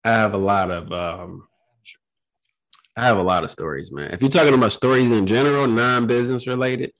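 A man's voice: on the low side, brisk, a bit bright. A man talking casually and informally as a podcast guest, telling stories in a loose, slangy way. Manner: informal, peppers talk with "man". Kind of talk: casual chat, storytelling.

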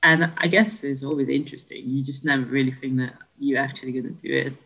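A woman's voice: rumbling low, fairly even intonation, fast talker, fairly bright tone, breathy edge, rough recording. A young woman from Hungary, a podcast guest, chatting in an upbeat, friendly way. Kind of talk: casual chat.

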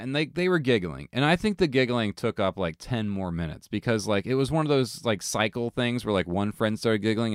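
Smooth low-voiced man telling stories. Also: no echo, studio quality. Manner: animated storytelling, swearing, many fillers. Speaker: podcast co-host. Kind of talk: casual chat.

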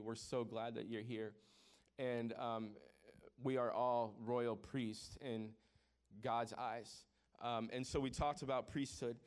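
Preaching to his congregation, a man in his forties keeps things conversational and jokey, frequently restarting and repeating words. His voice is smooth and medium in pitch.

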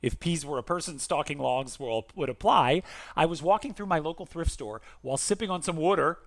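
The recording is dry, and the man's highish voice moves briskly. As a podcast co-host, he reads out listener letters and chats theatrically, emphatically, and jokily in lively, casual talk.

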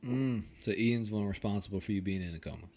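A man hosting a casual podcast, animated and laughing often, swearing freely. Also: on the low side, fast, slight background noise. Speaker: podcast host.

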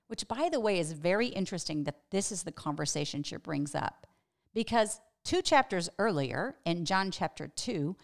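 An earnest middle-aged woman hosting a reflective devotional podcast. She speaks in a slightly low voice and asks her listeners probing questions. She presses her points home with emphasis. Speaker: podcast host and Bible teacher.

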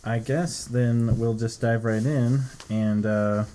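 A man hosts a casual podcast among friends, loose and jokey, with a few swear words. His voice is mellow and dark. Faint noise hums under the recording. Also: mid-range voice, fairly even intonation, takes it slowly. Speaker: podcast host. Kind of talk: casual chat.

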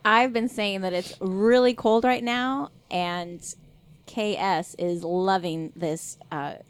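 A woman's voice: medium pitch, steady tone, slow, clear, resonant tone. A woman answering quiz questions hesitantly and laughing at herself. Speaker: quiz contestant. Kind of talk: casual chat.

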